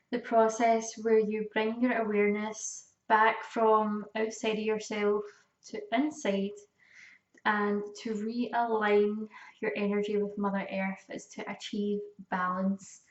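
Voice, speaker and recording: A woman giving an informal lesson in a calm, measured manner, leaving drawn-out pauses. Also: medium pitch. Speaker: energy healing teacher. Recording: echoey room, distant dull mic.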